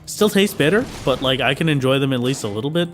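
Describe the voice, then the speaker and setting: Irish man, game streamer, casual rambling chat, mid pitch, faint game music behind. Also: expressive, fast talker, fairly bright tone. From Ireland. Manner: rambling, frequent fillers like "like" and "uh". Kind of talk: casual live-stream chat while gaming.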